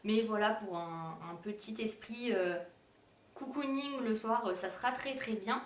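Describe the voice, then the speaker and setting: A woman's voice: on the high side, a little slow. Hesitant woman vlogger, roomy sound. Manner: hesitant, many fillers. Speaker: beauty and decor vlogger. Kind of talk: casual haul video. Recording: roomy echo, distant mic.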